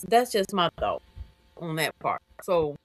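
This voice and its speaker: A woman's voice: sits low, sing-song, a little slow, faint music behind. A middle-aged woman co-hosting a podcast in casual chat, emphatic and pressing her point with repeated questions. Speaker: podcast co-host.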